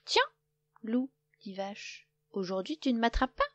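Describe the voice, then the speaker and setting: A woman voicing a calm, unhurried cow with a drawl, in a children's storybook reading. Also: a little high, muffled recording. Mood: unbothered. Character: calm slow-spoken cow.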